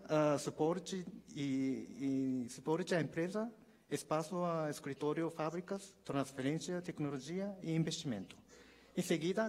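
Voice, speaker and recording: A man presents formally at a conference with a clear Japanese accent. His voice sits a little high for a man, and he moves through his points haltingly, as a non-native speaker. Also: darkish tone. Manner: halting, hesitant. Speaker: trade promotion speaker. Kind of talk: formal conference presentation in Portuguese as a second language. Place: conference hall stage.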